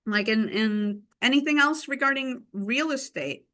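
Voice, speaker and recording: A woman's voice: on the high side, a little slow, pushed and bright. A woman running a real estate training session on a call, chatty and encouraging, full of "like" and "um". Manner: chatty, filler-heavy, encouraging. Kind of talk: live group training session. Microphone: online call.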